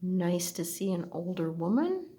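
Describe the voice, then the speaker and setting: A woman slowly looking through an oracle deck, speaking softly and at times dropping to a whisper. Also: fairly low pitch, sing-song. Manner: soft, slow, gently admiring, drifts into whispers. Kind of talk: slow unboxing commentary.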